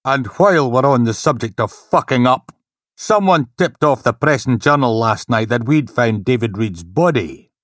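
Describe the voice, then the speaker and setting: A man voicing a large, bald police inspector who speaks gruffly and emphatically, full of threats. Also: lowish voice, expressive, normal speed, no echo, studio quality. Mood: stern.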